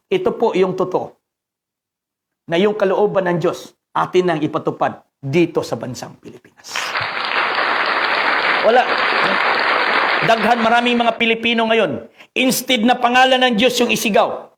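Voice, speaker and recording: A male pastor with a Filipino accent preaching a sermon, swinging between fervent peaks and quiet, low passages. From Philippines. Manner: preaching, mixing Cebuano and Tagalog with English scripture, rising to fervent peaks.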